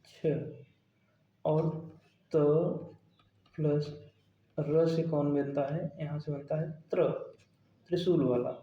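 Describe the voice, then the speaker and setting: A man's voice: on the high side, steady tone, slow, pauses often, mellow. A man, teaching grammar for an exam-prep lesson, asking questions and then answering them step by step. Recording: dull, roomy sound.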